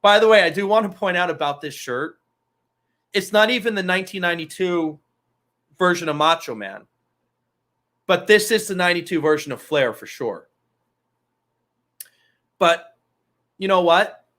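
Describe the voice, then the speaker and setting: A man's voice: high voice, expressive, normal speed, long pauses, fairly bright tone. A man hosting a casual wrestling talk show, loose and profane, rambling through asides. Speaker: podcast host.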